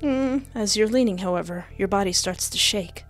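This is a young adult woman of medium pitch talking at normal speed while hosting a game playthrough. Casual remarks alternate with dramatic readings of text, captured close on a headset and desk mic with music behind.

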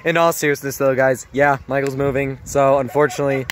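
A man's voice: mid-range voice, steady tone, brisk. A man who runs the channel, talking in a laid-back way with lots of filler words. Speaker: channel owner and interviewer. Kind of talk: casual chat.

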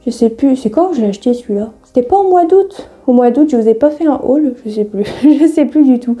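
A woman's voice: high voice, animated, brisk, dark tone. A woman chatting casually in a sewing haul video, rambling with many hesitations and laughing at herself. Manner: self-deprecating, easily laughing. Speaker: sewing vlogger.

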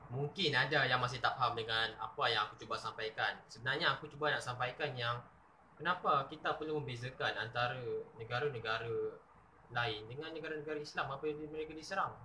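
A young Malaysian sketch vlogger speaks in a bright, fairly high voice, shifting between earnest commentary and mocking skits. He records indoors in a dormitory room on a camera mic at short range, and the room is echoey with a little hiss or hum.

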